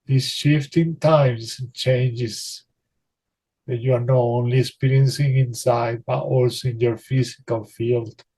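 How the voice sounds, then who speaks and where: A man leading a spiritual healing session, speaking calm guidance and intoning flowing made-up syllables in a soft, meditative way. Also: mid-range voice, slightly rough, poor audio. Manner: soft, unhurried, meditative delivery. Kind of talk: channeled light-language guidance.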